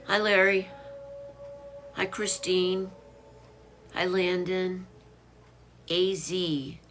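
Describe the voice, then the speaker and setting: A woman in her fifties, late fifties in fact, chats casually on a home live stream as an online seller, greeting viewers by name while listing items for sale. Her voice is lowish with a fairly bright tone, and there is slight background noise.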